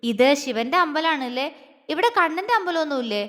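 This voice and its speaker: A woman's voice: sits high, fairly quick, bright, forceful tone, big-room sound. A woman voicing a sulky, innocent young bride who whines and pouts like a small child. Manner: pouting, whiny, childish.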